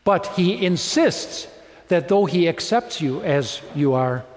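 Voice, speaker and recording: A pastor preaching a conversational sermon, playful and full of rhetorical questions. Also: male voice, high voice, expressive, slow pace, big-room sound.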